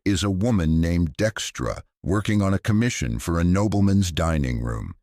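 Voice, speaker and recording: A man with a very low, deep voice reads a calm scripted sleep story in a soft-spoken, unhurried way with a gently wry touch. The sound is close and dry, with no room around it. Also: dry recording.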